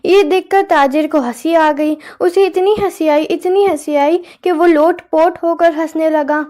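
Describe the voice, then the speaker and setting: A woman narrating a children's storybook tale in a clear, steady way. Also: extremely high pitch, a little slow.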